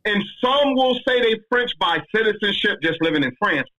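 A man holds forth in a casual discussion, emphatic and slangy, his voice pitched high and bright. The tone is husky, and he speaks with lively conviction. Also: normal speed, muffled recording. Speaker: speaker answering a question.

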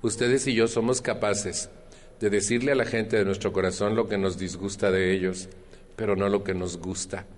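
A man's voice: lowish voice, fairly even intonation, moderate pace, slight background noise. A man with a Mexican accent giving a personal testimony at a support group meeting, chatting with the room, often asking questions and using earthy slang. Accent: Mexican Spanish. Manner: conversational, asks the audience questions.

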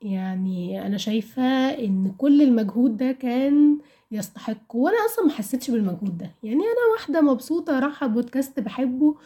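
Young Egyptian woman, mellow higher-pitched voice. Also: animated, fast talker. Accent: Egyptian Arabic. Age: around 20. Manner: candid, conversational, asks rhetorical questions and answers them. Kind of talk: casual personal storytelling and reflection to listeners.

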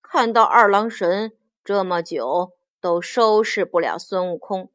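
A woman's voice: medium pitch, measured pace, a bit bright. A woman narrating a children's story playfully, with sound effects and exclamations.

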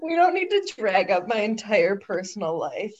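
A young woman in her twenties co-hosting a casual chat, blunt and expressive, swearing freely. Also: mid-range voice, moderate pace, muffled recording, crowd noise. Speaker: podcast co-host.

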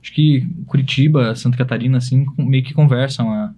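A male DJ guest talking about his gigs in a relaxed, slangy way. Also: mid-range voice, a little fast. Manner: laid-back slangy talk. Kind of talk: casual interview chat.

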